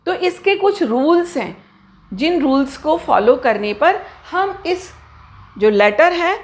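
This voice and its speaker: A high-pitched woman teaches pronunciation in a slow, lively voice. She keeps asking the class questions and then answers them herself, and she draws out each example word as she spells it. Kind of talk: explanatory lesson to students.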